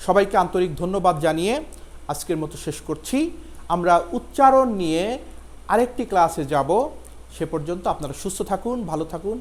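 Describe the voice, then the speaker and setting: A man, giving a pronunciation lesson and slowly spelling out each word with emphasis. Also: sits high, animated. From Bangladesh. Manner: slow, emphatic spelling-out of words. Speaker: teacher.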